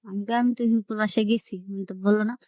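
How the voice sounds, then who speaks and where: Her mid-range voice is a little mellow, with fairly even intonation and a quick pace, captured as a dry, clean studio recording. She narrates her life story emotionally in colloquial Dhaka-area Bangladeshi Bengali, voicing the conversations she quotes in dialect.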